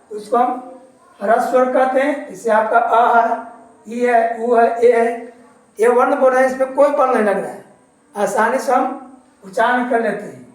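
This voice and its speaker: A woman teacher explains a lesson at an unhurried pace, going over each point twice. Her voice sits a little high. She sounds distant from the microphone in a strongly echoing room. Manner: slow and explanatory, repeats points. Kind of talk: Hindi grammar lesson. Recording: very echoey room, far from mic.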